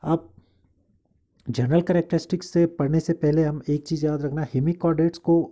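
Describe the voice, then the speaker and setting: एक पुरुष जीवविज्ञान शिक्षक, जो हिंदी और अंग्रेज़ी मिलाकर लेक्चर देता है, बातें दोहराता है और बार-बार "ठीक है" कहता है।. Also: male voice, on the high side, fairly even intonation, mellow. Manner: repeats points, constant "theek hai" checks; slows down to read English lines from a diagram. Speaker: biology teacher. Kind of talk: classroom lecture mixing Hindi and English.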